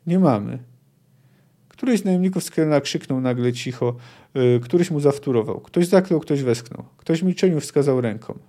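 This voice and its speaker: A man hosting a book podcast, reading passages aloud and then commenting in an unhurried way that thinks aloud. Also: mid-range voice, dark tone. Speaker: podcast host reading and discussing a novel.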